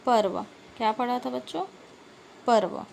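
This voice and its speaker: Slow, patient woman teaching grammar. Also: a little high, creaky, darkish tone, slight background noise. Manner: slow, repeats words and asks the class questions. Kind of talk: grammar lesson for schoolchildren.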